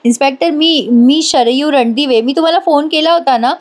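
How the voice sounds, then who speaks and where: A woman's voice: sits high, moderate pace, natural voice. A woman voicing a scheming young daughter who speaks sweetly and plainly.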